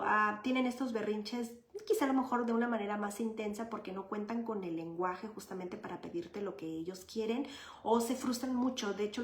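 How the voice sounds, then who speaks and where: A child psychologist with a mid-range voice takes viewers' questions during a live session. She explains child development patiently and chattily, with lots of fillers, and the room lends her voice a roomy echo.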